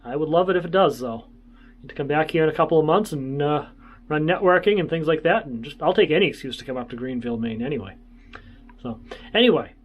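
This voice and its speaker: A man chatting casually to viewers as a travel vlogger, rambling along in an easygoing way. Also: fairly high pitch. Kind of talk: casual vlog chat.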